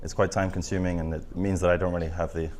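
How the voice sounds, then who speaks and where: Man, deep voice, shy, measured, poker player talking through a hand. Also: flat delivery, a little mellow. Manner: shy, measured, explains at length. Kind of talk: casual interview.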